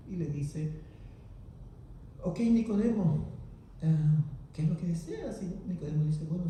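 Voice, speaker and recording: Male pastor, sermon, acts out scripture dialogue, mellow dark voice, very reverberant church hall. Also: a little high. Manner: retells scripture as lively dialogue, acting out the speakers; conversational, asks the congregation "¿no?". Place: church sanctuary. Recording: very echoey church hall, faint background noise.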